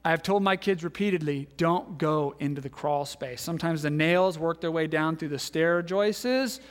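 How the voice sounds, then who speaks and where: A man in his thirties, a pastor giving a sermon, telling a story and acting out the voices in it, then dropping to hushed tones. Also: fairly high pitch, moderate pace. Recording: long hall reverb.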